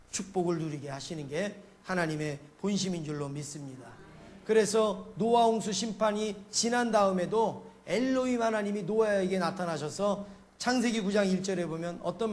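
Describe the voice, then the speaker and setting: A male pastor from South Korea preaches a sermon in a voice that sits high, telling a homely story and peppering the congregation with rhetorical questions.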